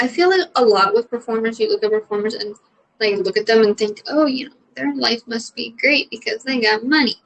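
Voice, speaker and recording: Young woman comic, slightly high voice, rambly, loose, swears easily. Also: rough recording. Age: young adult. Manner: rambling, filler-heavy, swears casually. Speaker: comedian answering questions. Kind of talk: casual chat.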